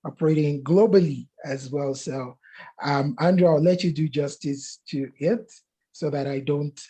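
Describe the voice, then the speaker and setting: A man's voice: a little high, measured pace, dark tone, breathy edge. A man hosting an online webinar, talking earnestly with many fillers and restarts. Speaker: webinar host. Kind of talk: casual webinar talk.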